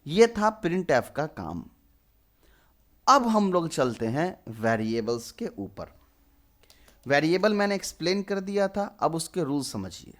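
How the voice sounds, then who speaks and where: Young male tutor, slightly high voice, explains code step by step. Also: sing-song, slow, fairly bright tone. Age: 20s. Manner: explains step by step, asks and answers his own questions. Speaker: programming tutor. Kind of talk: screen-recorded coding lesson.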